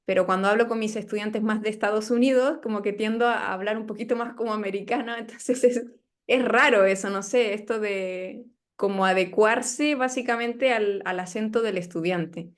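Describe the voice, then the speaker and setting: A woman with a Chilean accent talks as a guest in a relaxed interview. She explains her views carefully, stopping briefly to think now and then, in the manner of a teacher. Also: mid-range voice. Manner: thoughtful, explanatory, pauses with "eh". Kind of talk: casual interview chat.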